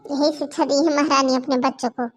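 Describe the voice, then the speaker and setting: A woman's voice: extremely high pitch, fairly even intonation, moderate pace, gravelly. A woman voicing a nagging, sarcastic old grandmother in a cartoon moral story. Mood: loud complaining. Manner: taunting, complaining, sarcastic.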